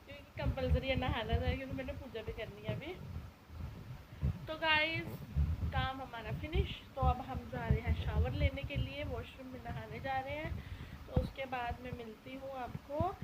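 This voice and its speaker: A woman's voice: high voice, normal speed, highs cut off. A young woman with a cold and sore throat chatting casually at home in a home vlog, rambling and repeating herself. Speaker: vlogger. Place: at home, indoors and on a terrace in rain. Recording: rain noise in background.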